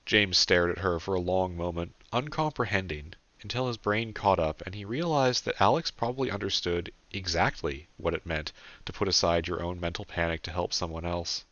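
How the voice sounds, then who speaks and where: A man narrates his own audiobook in a deep voice with a bright, forceful edge. He tells the story steadily and earnestly. The close, dry home recording sounds a little dull and lo-fi. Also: moderate pace, no room sound.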